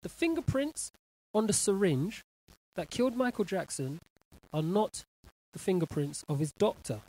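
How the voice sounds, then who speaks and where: A man's voice: high-pitched, normal speed, slightly rough, poor audio. A man hosting his own talk show, reading newspaper stories aloud with stumbles and incredulous asides. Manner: animated, incredulous, stumbling over words. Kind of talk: reading and ranting about news stories.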